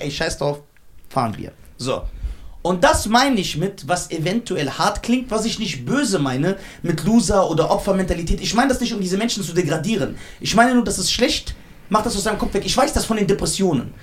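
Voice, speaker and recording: A young man telling a story in casual podcast chat, excitable and acting out the voices of others. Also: high-pitched, a little fast. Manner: excitable, acts out quoted voices. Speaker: podcast host.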